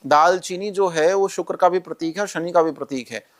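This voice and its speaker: Man calmly instructing step-by-step remedies. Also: high voice, a little fast. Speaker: astrologer guest. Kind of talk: podcast interview explaining remedies and mantras.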